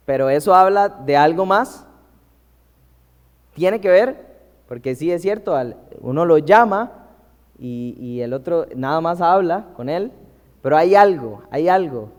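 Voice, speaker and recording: A man preaching a teaching sermon to a congregation, asking them questions and reading scripture slowly. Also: on the high side, darkish tone, long reverb tail.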